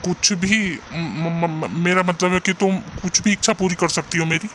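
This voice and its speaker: Guy voicing a poor cartoon junk seller, earnest and caring, kinda high voice. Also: fairly even intonation, a little fast, background noise, close to an everyday voice. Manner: earnest, sometimes despairing. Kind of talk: cartoon voice acting.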